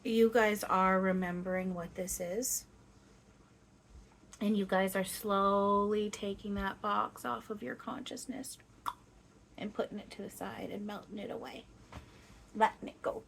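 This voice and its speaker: Slow-speaking woman as a trance-channeled spirit guide. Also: mid-range voice. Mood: gentle, teaching. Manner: halting phrases with long pauses, addressing listeners as a group. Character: channeled spirit guide, gentle, playful, loving teacher. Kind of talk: seance medium channeling, slow halting spiritual teaching. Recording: clear steady background noise.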